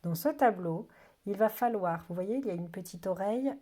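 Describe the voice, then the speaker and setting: A woman teaching a phonics lesson to young children, saying each word slowly twice in an exaggerated way, patient and clear. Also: medium pitch, lively intonation, dark tone. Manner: slow, exaggerated word pronunciation. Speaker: kindergarten teacher.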